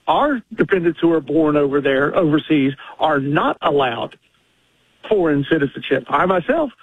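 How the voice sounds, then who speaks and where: A man's voice: on the high side, lively intonation, normal speed, breathy edge, no echo. A man in his sixties calling in to a radio talk show, explaining earnestly at length. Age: 60s. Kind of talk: casual talk radio call. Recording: tinny phone line.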